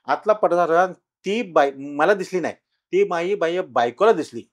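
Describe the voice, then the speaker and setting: Higher-voiced middle-aged man recounting a haunting. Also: expressive. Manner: halting, with many fillers and restarts, rising louder at tense moments. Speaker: guest telling his own ghost experience. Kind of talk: casual storytelling in an interview.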